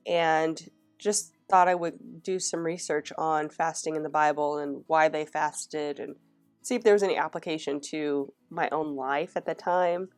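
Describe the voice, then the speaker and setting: A young planner vlogger chats through her planner pages in a relaxed way, using lots of fillers and restarting sentences. Her very low voice is rough and scratchy from a cold, and faint guitar music plays softly behind her.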